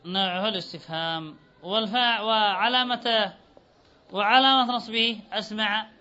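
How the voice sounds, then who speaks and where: A man's voice: sits high, fairly even intonation, moderate pace, pushed and bright. A man teaching a grammar lesson, quizzing students and repeating their answers back to them. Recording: dull lo-fi recording.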